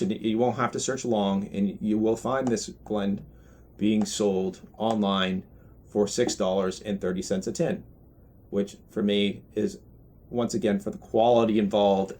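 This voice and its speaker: A man with a moderately low-pitched voice gives an informal review. He talks in a measured, considered manner, often stopping briefly mid-sentence before carrying on. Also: darkish tone. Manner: measured, deliberate, with mid-phrase pauses. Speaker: pipe tobacco reviewer. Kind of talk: casual, unscripted product review.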